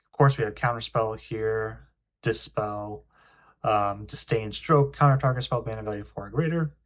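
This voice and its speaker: A man's voice: fairly low pitch, fairly even intonation, normal speed, fairly bright tone. A young man hosting a casual card game review, reading card text aloud between frequent ums and uhs. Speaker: card game video host.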